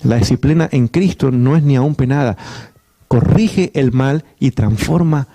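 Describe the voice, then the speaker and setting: A man's voice: medium pitch, measured pace, mellow. A middle-aged man preaching a sermon as pastor, earnest, often repeating and restarting words.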